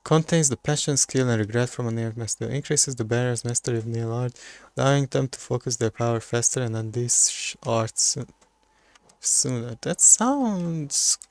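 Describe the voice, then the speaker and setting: Male gamer, slow talker with a fry-edged voice, loose self-correcting chatter into a desk mic. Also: mid-range voice, a little mellow. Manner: rambling, self-correcting, stumbles over words. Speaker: gamer playing on a recording. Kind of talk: casual gameplay commentary. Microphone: desktop microphone.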